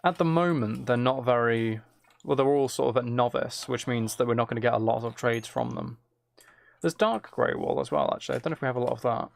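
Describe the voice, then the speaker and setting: Thinking aloud during casual gameplay commentary, a streamer muses to himself and plans hesitantly in a creaky mid-range voice, speaking a little fast. Keyboard typing, mouse clicks and faint noise can be heard behind him.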